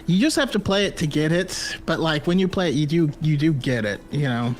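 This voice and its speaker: High, lively man rambling on a live show. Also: brisk, soft background music. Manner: animated, rambling, stumbles and restarts. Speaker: podcast co-host. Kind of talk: casual live-stream chat.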